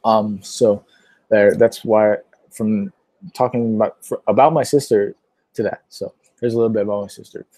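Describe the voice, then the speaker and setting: A man's voice: on the low side, steady tone, moderate pace, warm tone, dry recording. A young man from Pennsylvania chatting casually on a livestream, answering viewer questions with lots of fillers and a sore throat. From Pittsburgh, Pennsylvania. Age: young adult. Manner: rambling, many fillers.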